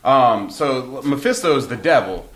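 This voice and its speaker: Animated man telling comic-book stories. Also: medium pitch, unhurried. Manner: animated storyteller, acts out scenes with slangy voices. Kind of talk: casual chat.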